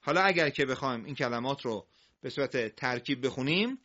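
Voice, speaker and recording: Male reading teacher, bright and lively, brisk explanations with slow drawn-out examples, dull recording. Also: medium pitch. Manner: explains briskly, drawls example words slowly for repetition. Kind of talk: recitation lesson. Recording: muffled lo-fi audio.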